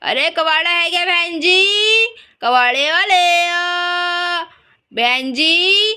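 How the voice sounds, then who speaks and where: A woman's voice: very high-pitched, expressive, very slow, sharp tone, exaggerated voice. A woman voicing a brash male street junk dealer who hawks in sing-song calls and talks back defiantly. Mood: hawking. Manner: hawker's sing-song calls, cocky backtalk.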